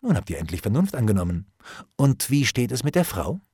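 A calm nobleman lets his dry irony and icy seriousness do the work, as a male reader puts him on. The voice stays low and measured, with a slightly husky texture. The recording is dry and close. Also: no echo, heavily acted. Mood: icily calm. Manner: calm, dry, ironic, unhurried. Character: calm, ironic male nobleman, coolly menacing. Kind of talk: audiobook character reading.

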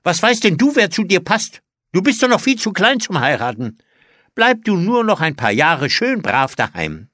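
A man voicing a strict, indignant elderly aunt who scolds in a shrill, raised voice. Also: wildly swooping pitch, normal speed, pushed and bright, no room sound, clean studio sound, exaggerated voice.

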